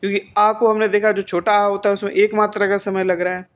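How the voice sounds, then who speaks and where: A man's voice: high voice, flat delivery, quick pace. A male teacher giving an exam-prep grammar lesson, who asks the class questions, answers them himself and repeats the key points.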